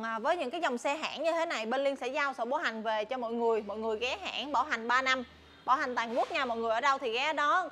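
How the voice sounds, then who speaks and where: A young woman with a southern Vietnamese accent presents stock in a casual sales style. Her voice is high-pitched and her talk is chatty, with hesitations and repeated words. She is on a lapel mic in a large warehouse with faint background noise. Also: fairly bright tone. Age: young adult. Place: large tin-walled motorbike warehouse. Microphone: clip-on lapel mic.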